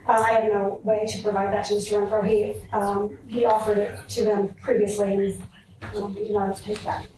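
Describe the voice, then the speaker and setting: A woman's voice: medium pitch, level tone, normal speed. A woman attorney addressing the judge formally, hesitant with ums, heard on a courtroom recording. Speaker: prosecuting attorney. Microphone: distant room mic. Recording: echoey, noisy distant courtroom recording.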